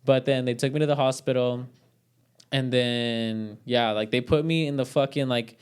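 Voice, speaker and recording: Young man, clear smooth voice. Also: mid-range voice, fairly even intonation, moderate pace, a little mellow. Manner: rambling, swears a lot, many "like" fillers. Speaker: podcast guest storyteller. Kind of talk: casual storytelling chat.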